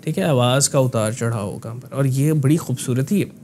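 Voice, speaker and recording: A man coaching voice work in a relaxed, explanatory conversation, often slipping English phrases into his talk. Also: mid-range voice, normal speed, a little hiss or hum. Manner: explanatory, mixes in English phrases, frequent "ना" tags. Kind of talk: conversational voice lesson.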